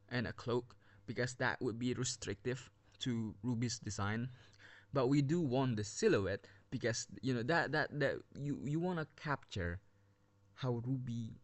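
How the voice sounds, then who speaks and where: A video game skin reviewer with a medium-pitched voice gives casual commentary, rambling with many restarts and running out of breath. He's recorded under a blanket on a built-in device mic with no headset, so there's no room sound.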